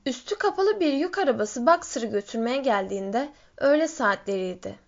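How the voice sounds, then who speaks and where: A woman reads a story aloud in a steady, measured voice that sits somewhat high. The recording sounds dull and lo-fi. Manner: steady storytelling, lifts pitch for shouted quotes. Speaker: audiobook reader. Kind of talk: scripted narration.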